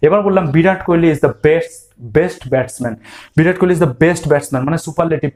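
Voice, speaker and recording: A man's voice: a little high, a little mellow. A man teaching an online grammar lesson, drilling word forms and asking and answering his own questions.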